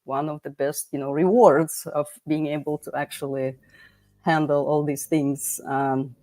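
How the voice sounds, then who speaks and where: A woman's voice: low-pitched, fairly even intonation, measured pace, mellow, no echo. A woman hosting a livestream panel over a video call, chatty, with many fillers and restarts. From United States. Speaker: livestream host.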